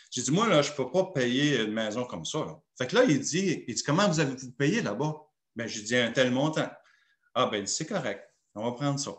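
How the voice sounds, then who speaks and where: Québécois pastor telling a story, echoey room. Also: male voice, mid-range voice. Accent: Québécois French. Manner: lively anecdotal storytelling, acting out dialogue. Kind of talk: sermon storytelling. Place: church.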